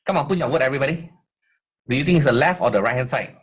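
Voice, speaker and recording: A man's voice: medium pitch, racing, breathy edge. A middle-aged man, teaching a live online marketing masterclass and quizzing his audience. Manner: energetic, rhetorical quiz questions to the audience. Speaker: marketing coach.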